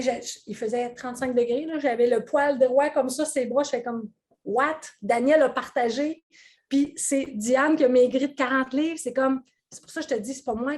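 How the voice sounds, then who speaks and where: A middle-aged woman with a Québécois French accent, chatting as a guest in an interview and telling animated stories with many fillers and frequent laughter. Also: sits high. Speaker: weight-loss coach, guest. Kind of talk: casual interview chat.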